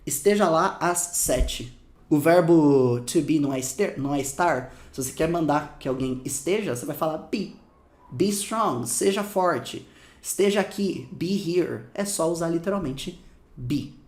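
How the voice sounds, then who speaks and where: A man with a Brazilian Portuguese accent teaching English phrases in a casual lesson, lively and slowing down to repeat the examples. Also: fairly high pitch, echoey room. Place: room with dogs barking outside.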